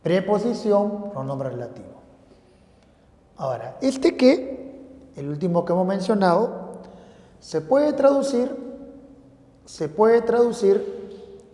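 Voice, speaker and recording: High-voiced male teacher in an echoey hall. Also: big pitch swings, slow pace, long pauses, warm tone. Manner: asks and answers his own students' questions, repeats key phrases. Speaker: language teacher. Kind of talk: classroom grammar lesson. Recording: roomy hall reverb.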